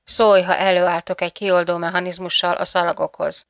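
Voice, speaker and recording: A man's voice: high-pitched, flat delivery, a bit bright, dry recording, studio quality. A woman reading the part of a busy, decisive male mission director in an audiobook.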